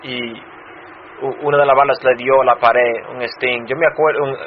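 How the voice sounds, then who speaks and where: A man who grew up in Chicago and serves as a pastor, giving a personal testimony in a sermon, halting and restarting often. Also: medium pitch, steady tone. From Chicago, United States. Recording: dull muffled sound with faint noise.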